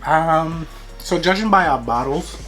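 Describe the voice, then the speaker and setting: A woman with a low voice chats to her viewers while chewing her food. She is playful and informal, often repeating a phrase, with light music playing behind her. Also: expressive, unhurried, low-quality recording. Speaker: mukbang host. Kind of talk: casual eating-show chat to viewers.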